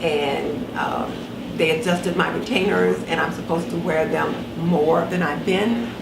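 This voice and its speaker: A woman's voice: on the low side, fairly even intonation, a little slow. A woman in her sixties chatting casually to camera in her kitchen, her speech slightly impeded by wearing dental retainers. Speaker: vlogger. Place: home kitchen, indoors. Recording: roomy, distant camera mic with clear background noise.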